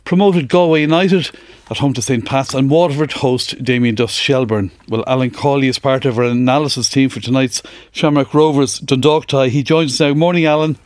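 A man's voice: mid-range voice, brisk, darkish tone, no room sound. Irish male sports presenter, dry studio sound. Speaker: radio sports news presenter. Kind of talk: live sports bulletin and interview. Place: radio studio.

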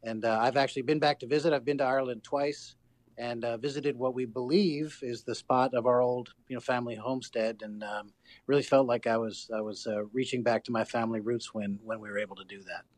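An American man answering interview questions as a spokesman, in a halting, measured way. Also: mid-range voice, steady tone, no echo. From United States. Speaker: campaign spokesman.

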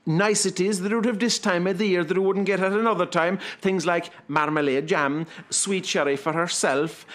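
An Irish man with a distinctly high voice recounts old customs. He talks as someone telling a story, listing things item by item. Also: a bit bright.

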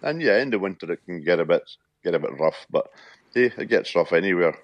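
A man in his fifties from Shetland with a Shetland Scottish accent, chatting as a radio interview guest in a halting way, often repeating words. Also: low-pitched, lively intonation, dry recording, lo-fi sound. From Shetland, Scotland. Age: 50s.

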